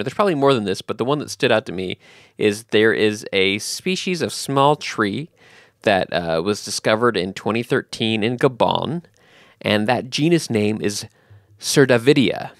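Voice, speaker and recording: A man's voice: fairly low pitch, a bit bright, no echo, clean studio sound. A man hosting a podcast in casual chat, rambling with many ums and restarts. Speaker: podcast host.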